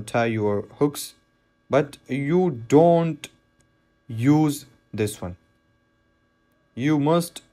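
Slow-talking man explaining knot tying. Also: medium pitch, darkish tone. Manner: plain, repetitive step-by-step instructions with non-native phrasing. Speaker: fishing knot instructor. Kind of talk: hands-on tutorial voice-over.

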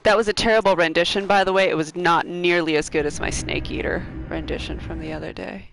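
A woman streaming a video game, chatting casually with her viewers and a co-op partner, bubbly and quick to laugh and joke. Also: on the low side, fairly even intonation, gravelly, slight background noise, poor audio. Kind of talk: casual live-stream chat.

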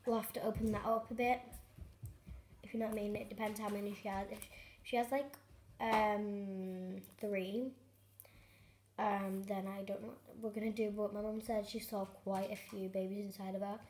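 A woman vlogging at home, chatting excitedly to camera in a rambling way with many fillers. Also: mid-range voice, normal speed. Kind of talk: casual chat to camera. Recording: echoey room with faint noise.

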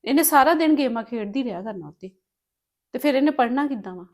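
A woman's voice: high-pitched, expressive, quick pace, darkish tone. A woman playing a strict mother who scolds her daughter and insists she get ready. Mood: scolding. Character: strict young mother, firm with stubborn daughter. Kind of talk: family drama acting.

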